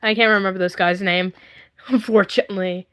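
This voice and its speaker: A woman rambles playfully through a casual livestream, goofing around as she shows her handmade puppets. Her mid-range voice is a little fast and fairly even in intonation, with a bright, clear, resonant tone.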